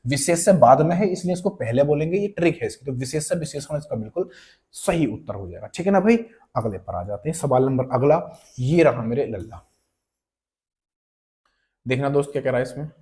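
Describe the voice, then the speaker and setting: A man teaching an online exam-prep grammar lesson, talking to students like friends, checking that they follow and slowly repeating key words and example sentences. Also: medium pitch, animated, dark tone. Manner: conversational and coaxing, checks in with students often.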